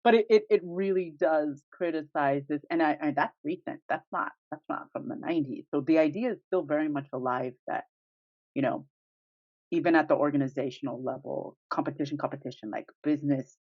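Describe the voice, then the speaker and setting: A podcast co-host talks casually and emphatically, voicing strong opinions in informal language. The voice is medium-pitched and fairly quick. The recording is dry, dull and lo-fi.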